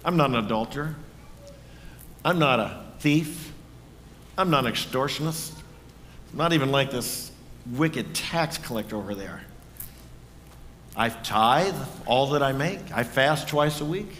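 A man's voice: mid-range voice, expressive, unhurried, long pauses, a bit bright, big-room sound, a little hiss or hum, voice pushed down. A man voicing a smug, self-righteous Pharisee who boasts in prayer, listing his own virtues.

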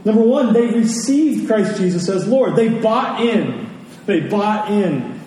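Slow and expressive, a man with a high-pitched voice and dark tone preaches a conversational sermon, repeating key phrases for emphasis. He is in a large, very echoey hall, recorded from a distant mic with faint background noise.

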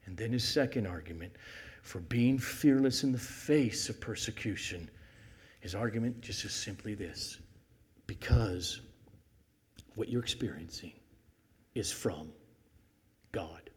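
A middle-aged male pastor preaching a sermon, swinging from loud emphasis to near-whispers and slowing down to read scripture deliberately. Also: lowish voice, expressive, breathy edge.

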